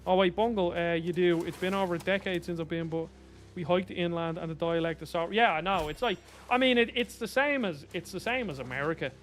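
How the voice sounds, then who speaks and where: A man's voice: sits high, a little fast, fairly bright tone, faint music behind. A man with a Dublin accent giving chatty, rambling, opinionated commentary while playing a video game. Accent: Dublin Irish. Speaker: gaming YouTuber. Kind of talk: casual gameplay commentary.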